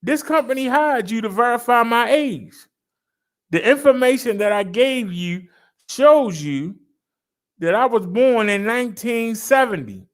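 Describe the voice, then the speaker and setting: Venting on his casual vlog, a man in his fifties keeps hammering the same points in a combative monologue. His voice is very high, expressive, and a little slow.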